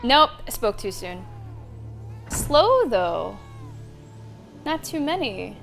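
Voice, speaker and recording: A woman's voice: fairly high pitch, big pitch swings, takes it slowly, vocal fry, a bit bright. A woman game streamer giving casual live playthrough commentary and chatting with her viewers. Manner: chatty, thanks and addresses viewers. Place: voice over game audio. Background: faint game music.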